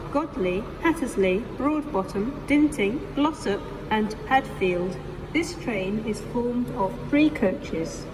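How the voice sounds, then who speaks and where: A woman making formal, measured pre-recorded public announcements in the manner of an airport or railway station announcer. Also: fairly high pitch. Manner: measured, formal, item-by-item listing. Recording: noisy station PA with vehicle ambience. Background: train station ambience, vehicles.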